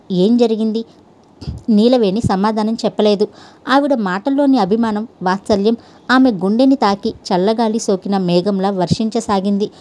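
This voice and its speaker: Brief: woman narrator, calm and measured, warm and mellow tone, scripted story reading. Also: medium pitch.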